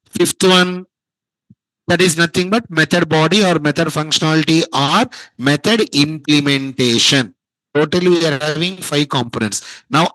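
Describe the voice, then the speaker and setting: A man's voice: fairly high pitch, a bit bright, no room sound, poor audio. Guy teaching coding, keeps quizzing the class and repeating stuff, dry sound. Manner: quizzing students, repeats key terms. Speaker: programming teacher. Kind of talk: classroom lecture.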